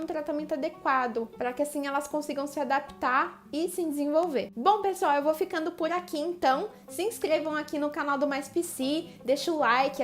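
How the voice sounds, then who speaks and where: A young woman with a Brazilian Portuguese accent, a psychology student presenting an explainer video in a chatty way that speaks directly to viewers. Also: high-pitched. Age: young adult.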